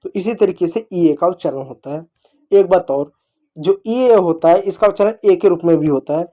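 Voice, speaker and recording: A man's voice: high-pitched, normal speed, mellow. A man teaching English phonics, patiently spelling out words letter by letter. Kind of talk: slow explanatory lesson.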